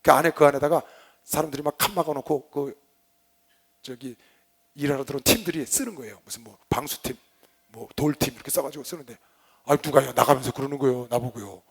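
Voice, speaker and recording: A man, a pastor giving a Bible lecture sermon, fervently swinging between loud exhortation and quiet asides. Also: mid-range voice, a little fast, vocal fry, husky. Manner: tells personal stories with laughter.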